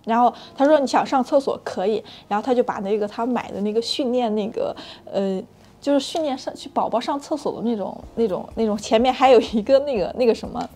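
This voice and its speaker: A woman hosting her own channel, telling a frank personal story in an animated, chatty way with many restarts. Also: on the high side, fast. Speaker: channel host sharing personal experience.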